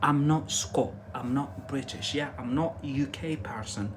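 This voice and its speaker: Amid a noisy background, an Algerian man gives an informal live English lesson at an unhurried pace and medium pitch. He grew up speaking Algerian Arabic. Emphatic and repetitive, he keeps checking in with "yeah?" and "that's it".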